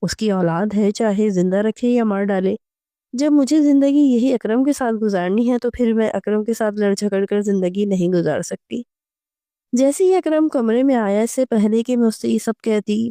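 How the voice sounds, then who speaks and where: A woman narrating a romantic audio novel in the first person, in a steady, even storytelling manner. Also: on the high side, dry recording, studio quality.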